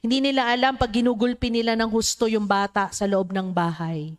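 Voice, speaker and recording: Woman preacher, sermon, animated, acts out voices, fairly high voice. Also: a little fast, clear, resonant tone. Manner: animated, acts out children's voices in her stories; mixes English into Tagalog, addresses the congregation.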